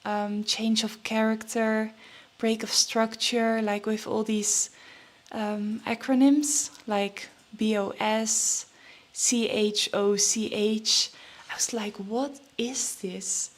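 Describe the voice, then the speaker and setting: A woman's voice: a little high, level tone, takes it slowly. A young woman chatting casually in a vlog, a bit nervous and out of breath, with many fillers and restarts. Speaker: trading vlogger.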